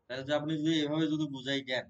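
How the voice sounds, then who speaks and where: A man's voice: a little high, fairly even intonation, racing, lo-fi sound. A man teaching a devotional scripture class in a temple, explaining point by point and often checking with his listeners. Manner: explains by questioning listeners, repeats and restarts. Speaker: Gita teacher. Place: Shiva temple gathering.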